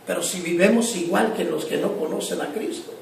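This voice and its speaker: A man preaches with fervor, swinging from loud rising appeals to hushed asides. His voice is high with a gravelly edge. The recording is distant and heavily echoey, with faint room ambience. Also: brisk, slight background noise. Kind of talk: sermon.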